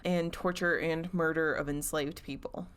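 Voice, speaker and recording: Young woman on a podcast, kinda low voice, chatty and giggly, just telling the story casually. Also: steady tone, moderate pace, clean tone.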